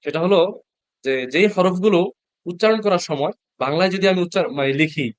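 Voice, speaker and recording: His voice sits high and he speaks fairly quickly as he gives an online Quran reading lecture through a video call. Patiently, he voices each Arabic letter and repeats it so the learners can follow, and there's no echo.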